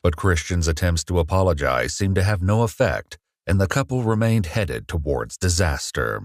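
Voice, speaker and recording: A man narrating a true-crime documentary in a measured, serious, scripted way. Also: low voice, lively intonation.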